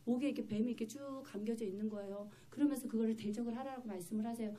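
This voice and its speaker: A woman's voice: fairly high pitch, fairly even intonation, racing, mellow. A woman pastor preaching a sermon in church, telling her story vividly and with emphasis.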